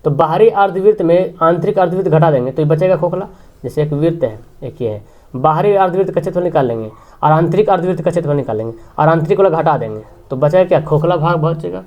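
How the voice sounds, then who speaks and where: A man's voice: a little high, lively intonation, fast, lo-fi sound. Man explaining maths with frequent tag questions. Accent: Hindi regional, Bihar. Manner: talking while writing, frequent tag questions. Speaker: maths teacher.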